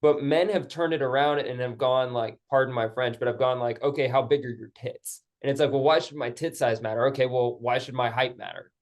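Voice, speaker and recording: A man from Virginia hosting a podcast, asking relaxed follow-up questions in casual interview chat. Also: mid-range voice, brisk, hardly any pauses. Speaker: podcast host.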